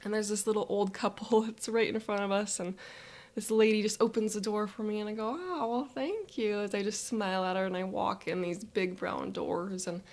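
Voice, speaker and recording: A woman leading a guided visualization, telling a first-person scene in the present tense in an upbeat, vivid, unhurried way. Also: mid-range voice, flat delivery, darkish tone.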